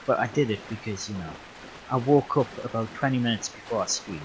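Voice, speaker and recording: A man's voice: fairly low pitch, brisk, background noise. A young man giving casual, rambling commentary on his livestreamed gameplay, correcting himself often with plenty of fillers. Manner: relaxed, rambling, self-correcting with many fillers. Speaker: livestreaming gamer.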